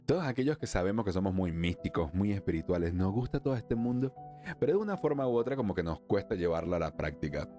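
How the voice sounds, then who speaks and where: A man from Venezuela hosting a solo spiritual podcast, chatty, laughing often, slowing down for emphasis and then speeding up. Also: deep voice, animated, warm tone, soft background music. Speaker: podcast host, emotional wellness therapist.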